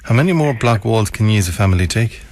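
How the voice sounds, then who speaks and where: A man's voice: lowish voice, animated, fast talker, darkish tone, slight background noise. A man hosting a conversational interview on local radio.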